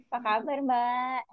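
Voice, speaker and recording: A woman chatting casually as a podcast guest over a call, her voice muffled by a headset mic with a slight delay. She talks quickly and repeats her words. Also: a little high, no echo. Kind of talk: casual chat.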